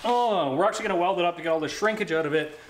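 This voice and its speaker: Hosting a casual workshop vlog from a garage, a Canadian fabricator in his thirties talks in a jokey, slangy way. His voice sits high and he races along.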